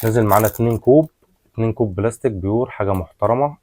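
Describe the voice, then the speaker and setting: Fast-talking Egyptian man selling goods. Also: fairly low pitch. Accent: Egyptian Arabic. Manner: repetitive, colloquial patter addressing customers. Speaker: shop seller, product presenter. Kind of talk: casual sales pitch, product walkthrough. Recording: clearly noisy, rustling and clicking handling sounds.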